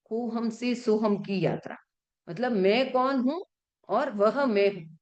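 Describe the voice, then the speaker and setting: A woman, a Jain nun, teaching a class in religious chanting and pronunciation. She asks the class questions and answers them herself, and slows right down to sound out words. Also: fairly high pitch, darkish tone, lo-fi sound. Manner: stretches words slowly when showing pronunciation.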